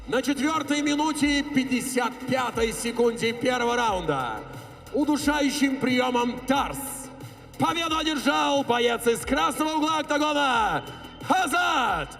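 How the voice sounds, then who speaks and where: A male ring announcer declaims slowly in a very high, raised voice, drawing out the words as he builds. His voice rings through a hall with long reverb. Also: lively intonation, vocal fry, a bit bright, faint music behind. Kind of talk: drawn-out fight result announcement. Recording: echoing arena PA with long reverb.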